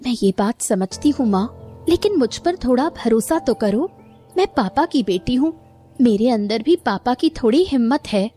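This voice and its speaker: A woman voicing a loving, determined young daughter in an animated story, with a soft, earnest voice. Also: fairly high pitch, moderate pace, faint music behind. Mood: pleading. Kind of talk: Hindi cartoon voice acting.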